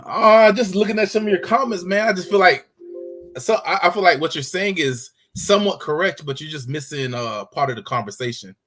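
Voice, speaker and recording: Husky American man calling in. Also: high voice, animated, brisk, fairly bright tone, soft background music. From United States. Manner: hesitant, many fillers and restarts while making his case. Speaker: caller. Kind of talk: casual call-in discussion.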